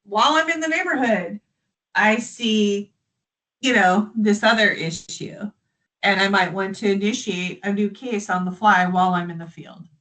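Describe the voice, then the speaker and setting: A woman from the United States leading a live software training, explaining features in a friendly, chatty way. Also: medium pitch, steady tone, unhurried, rough recording.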